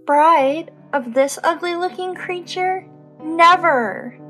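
A man's voice: very high voice, slow pace, sharp tone, faint music behind, pitched above the performer's own voice, heavily acted. A man voicing a tiny, frightened fairy-tale girl in a cartoon storybook. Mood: defiant. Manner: frightened, pleading.

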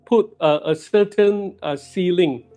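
In a church sanctuary, a middle-aged male pastor delivers a sermon, speaking slowly and deliberately and repeating key phrases for emphasis. His voice is high and mellow, with soft music playing in the background.

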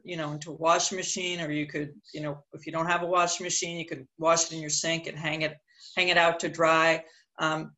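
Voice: mid-range voice, bright, forceful tone. A panelist gives practical advice in a chatty way over a video call, often adding "you know" asides. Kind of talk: conversational panel discussion.

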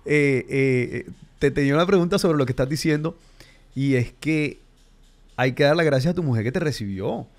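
A man's voice: medium pitch, moderate pace. A man, a host asking teasing questions in a casual interview.

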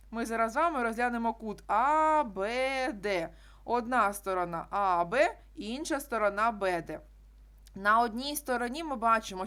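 A woman's voice: a little high, fairly bright tone. A woman teacher explaining a geometry problem step by step, repeating key statements. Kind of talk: classroom math lesson.

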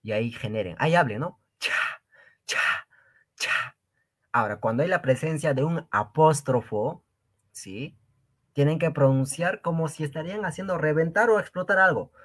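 Male teacher, streamed lesson; bright, animated, drills syllables emphatically. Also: on the high side. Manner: animated, drills sounds with exaggerated repetition; addresses viewers as brothers and sisters. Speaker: language teacher. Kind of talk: livestreamed language lesson.

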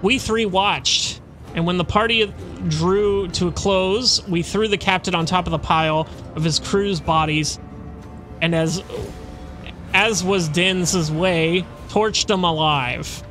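A man's voice: high voice, fairly even intonation, slow, a bit bright, faint music behind. A man voicing a nostalgic, cold-blooded old crew mate from a game, telling stories in a rambling way. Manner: rambling storyteller.

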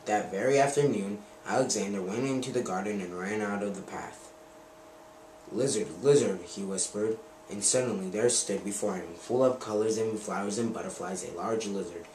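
Brief: man reading a children's picture book aloud, earnest and stumbling a little; lowish voice, distant and roomy camcorder sound. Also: steady tone, moderate pace, darkish tone. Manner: earnest read-aloud with slips and self-corrections. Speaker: reader. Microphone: handheld camcorder mic. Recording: roomy, distant camera mic, faint noise.

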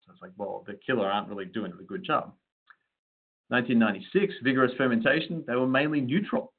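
A man's voice: medium pitch, fast talker, gravelly, husky. A man giving a casual webinar lecture on winemaking yeasts, loose and conversational, with frequent fillers and restarts. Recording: tinny phone-like audio.

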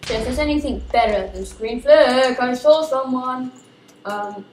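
A young woman, chatting excitedly while recording herself playing a video game. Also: high-pitched, a little slow, echoey room, slight background noise, low-quality recording. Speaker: gamer recording gameplay. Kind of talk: let's play commentary.

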